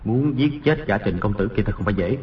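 A man's voice: on the low side, expressive, fairly quick, far from the mic, lightly acted. Man playing a cocky teenage boy, scheming, crude and boastful, audiobook character, dull lo-fi recording. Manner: boastful, crude inner thoughts.

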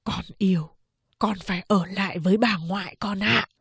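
A woman voicing a grim, fierce man who has returned to his family, speaking low and clipped. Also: steady tone, moderate pace, vocal fry, fairly bright tone, husky, no room sound, exaggerated voice. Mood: solemn. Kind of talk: audiobook character reading.

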